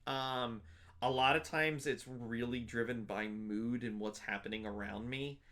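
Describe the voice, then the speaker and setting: An unhurried young man talks casually as an interview guest and convention panelist, wandering through his points with many fillers and restarts. His voice is mid-range and fairly bright, with fairly even intonation.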